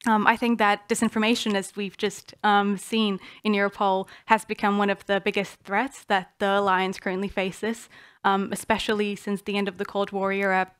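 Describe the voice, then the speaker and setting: A young woman from the Czech Republic presents her proposal on a panel, earnest and full of small restarts. Her voice is smooth and clear, with a fairly flat melody. The sound is close and dry. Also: mid-range voice, normal speed, no echo. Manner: earnest, many fillers and restarts. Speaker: student panelist.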